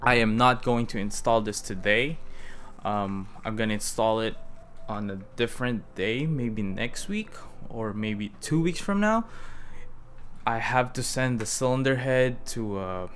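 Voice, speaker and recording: A man's voice: medium pitch, lively intonation, a little slow, a bit bright, a little hiss or hum. A young man hosting his own car project vlog, talking loosely to camera with frequent restarts. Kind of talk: casual vlog talk to camera.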